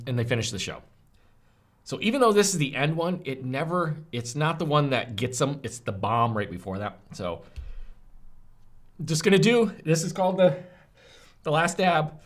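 A man casually reviewing spicy chicken bites for his vlog, gasping and groaning as his mouth burns from the hot sauce. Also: a little high. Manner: animated, groaning and gasping from the heat. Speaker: food reviewer.

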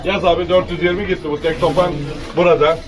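A man's voice: sits high, flat delivery, fast. A man working as an auctioneer, calling out lots, weights and bids in repetitive patter. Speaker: fish auctioneer. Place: busy fish auction hall. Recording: distant mic amid crowd chatter. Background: crowd of buyers.

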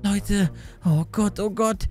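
A young man doing excited let's-play commentary as a gaming YouTuber, talking straight to his viewers with lots of exclamations. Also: sits high, slow pace, faint music behind. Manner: animated, exclamatory, addresses viewers directly.

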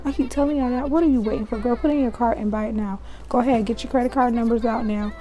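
A young woman, chatting excitedly to her viewers as she shows off her clothing haul. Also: on the high side, fast, soft background music, rough recording. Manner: chatty, hyped, talks straight to viewers. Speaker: fashion vlogger. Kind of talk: casual haul vlog.

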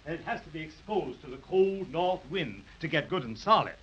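A man's voice: a little high, lively intonation, normal speed, fairly bright tone, slightly rough. An actor playing a friendly male Jack Frost, a proud craftsman who talks cheerfully with little hesitant uh's. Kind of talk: 1930s radio drama acting. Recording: dull lo-fi 1930s transcription.

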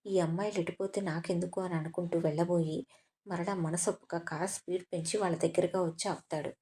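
A woman storyteller giving a steady, scripted narration of an audio drama story. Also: on the low side, fairly quick.

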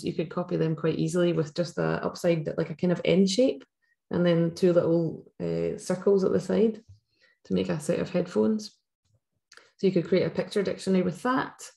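With a lowish, creaky, dark voice, a middle-aged woman with a Scottish accent presents a live teaching webinar over a webcam call. She walks through activities in a friendly manner, using many fillers.

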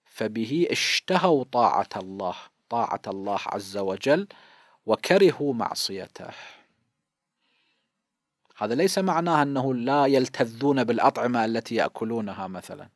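A man in his fifties from Iraq, speaking with an Iraqi Arabic accent, teaches a seminary lesson as a cleric. His mid-range voice is expressive and moderately paced, and he explains each point, posing questions and then answering them himself. The recording is dry and close, with almost no room sound.

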